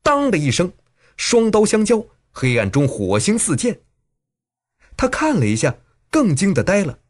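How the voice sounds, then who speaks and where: Male audiobook narrator, dramatic wuxia read, slightly high voice. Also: moderate pace. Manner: dramatic, highly animated reading.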